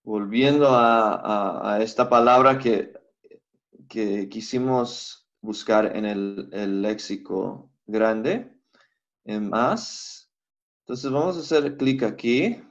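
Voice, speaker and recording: A man teaching a live Hebrew class online, walking students through software on a shared screen and thinking aloud as he goes. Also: lowish voice. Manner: unhurried, thinks aloud with fillers. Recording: slightly dull lo-fi audio.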